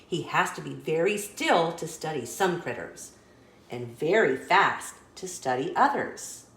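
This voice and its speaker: Reading a children's picture book to listeners, a female story host uses an expressive, unhurried storytelling delivery in a low-sitting voice. The room is echoey, with slight background noise.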